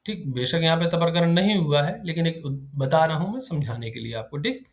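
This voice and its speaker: A man with a slightly high voice teaches Sanskrit grammar in a classroom. He fires questions at his students and keeps asking whether the point is clear. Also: animated, a little fast. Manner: keeps checking if students understood. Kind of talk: live classroom lecture.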